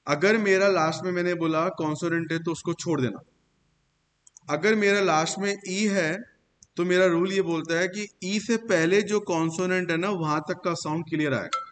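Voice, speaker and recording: A man teaching a French pronunciation class in a classroom, explaining rules step by step and praising his students. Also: fairly high pitch. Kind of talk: classroom lesson with slides. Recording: long reverb, faint hiss.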